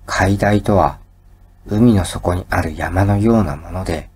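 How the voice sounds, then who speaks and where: A man giving soft, breathy pillow-talk narration of a scripted lecture, calm and soothing, as if lulling someone to sleep. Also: deep voice. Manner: calm, soothing, measured bedtime delivery.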